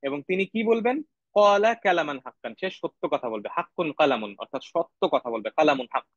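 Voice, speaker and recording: Man, Arabic teacher, high voice, repeats terms and quizzes the class, dry and muffled sound. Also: sing-song, a little fast, no room sound. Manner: explains word by word, repeats terms and asks the class questions. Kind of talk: Quranic Arabic grammar lesson.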